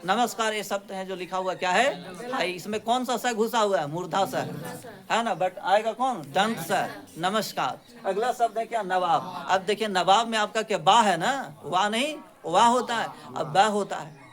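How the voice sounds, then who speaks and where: A man, teaching spelling to a classroom of pupils. He fires quick questions at them and mixes scolding with teasing. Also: high-pitched, a bit bright.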